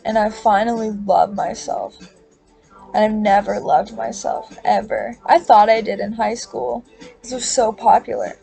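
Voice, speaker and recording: A woman's voice: medium pitch, steady tone, unhurried, vocal fry, warm tone, soft background music. A woman in her twenties talking in a casual confessional monologue, rambling and filling her speech with "like" and the odd swear word.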